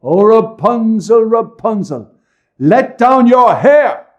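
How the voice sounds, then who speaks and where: A dreaded storybook witch of great power, as a man puts her on, hissing her threats low and close, then bellowing high and shrill up to the tower window. Her voice swings widely between whisper and shriek. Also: lively intonation, moderate pace, reverberant, dull audio, lightly acted. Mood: shrill calling. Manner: hissing, threatening whisper when angry, shrill loud calling. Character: menacing old female witch of great might.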